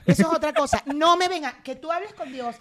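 A high-voiced woman argues on a casual podcast. She is blunt and swears freely. She talks over her co-host and turns loud when worked up. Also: quick pace, a crowd in the background. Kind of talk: heated casual debate.

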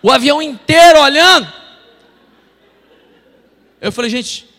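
A middle-aged pastor preaches with a fairly high voice, telling his story with lively, dramatic emphasis. The sound carries a long reverb from the hall he speaks in, and he acts out the quoted voices as he goes. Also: measured pace, slight background noise. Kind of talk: sermon testimony.

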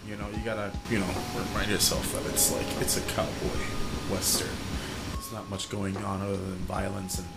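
Man, casual podcast co-host, bilingual code-switching, echoey room, loud background music. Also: deep voice, little pitch movement, normal speed. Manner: switches between English and Spanish. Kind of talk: casual film and TV chat with profanity. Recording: roomy echo with loud music behind.

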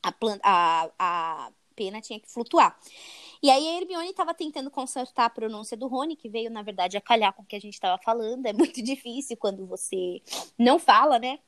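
A young Brazilian woman co-hosting a podcast casually retells a book chapter, tagging her sentences with "né?" in a chatty way. Her voice is on the high side, expressive, and fairly quick, with a Brazilian Portuguese accent and no echo.

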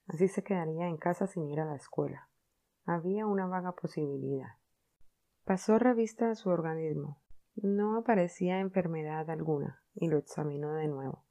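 Low gravelly woman reading a story. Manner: measured, expressive narration. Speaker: audiobook narrator.

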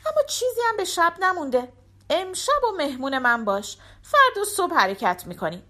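A woman voicing a cunning male fox in a storybook tale, smooth-talking and mocking. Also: extremely high pitch, big pitch swings, sharp tone, voice pushed up, full character voice. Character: sly scheming male fox.

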